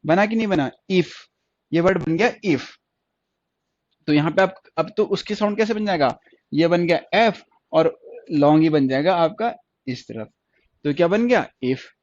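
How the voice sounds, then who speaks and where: A man's voice: fairly high pitch, animated, normal speed, dry recording, lo-fi sound. A man teaching a stenography class online, repeating each point and asking questions he then answers himself. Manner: repetitive, asks questions and answers them himself.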